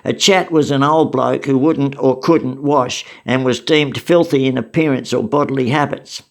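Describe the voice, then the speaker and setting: Older Aussie male storyteller, gravelly voice, wry and matter-of-fact. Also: medium pitch, moderate pace. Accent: Australian. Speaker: storyteller recounting memories. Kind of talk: casual spoken memoir.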